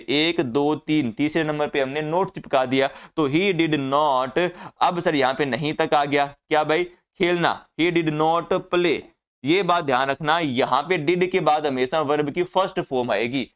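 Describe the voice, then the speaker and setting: A man's voice: a little high, clear, resonant tone. A man teaching an English grammar class, often asking the class questions and answering them himself.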